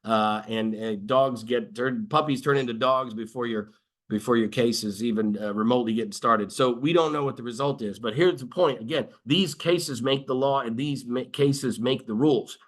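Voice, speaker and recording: A man's voice: mid-range voice, moderate pace. A man giving a webinar presentation as a lawyer, explaining in a conversational way with many fillers and restarts and occasional dry sarcasm.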